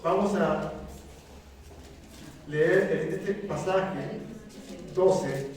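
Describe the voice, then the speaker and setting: A man's voice: a little high, extremely slow, a little hiss or hum. A man preaching a sermon to his congregation, speaking fervently and asking them questions. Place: church sanctuary. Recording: very echoey church, mic at a distance.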